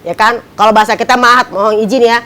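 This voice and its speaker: Lively woman preacher, high bright voice, lots of acted-out voices. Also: quick pace. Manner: animated, acts out quoted wives with high teasing voices. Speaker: ustazah, religious speaker. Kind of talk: lively preaching on a morning TV religious show.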